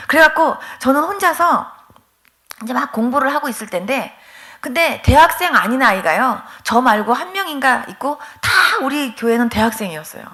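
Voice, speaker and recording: A middle-aged Korean woman pastor shares her testimony during a revival sermon, speaking in a high voice. She is animated and emphatic, acts out the people she quotes, and often seems close to tears.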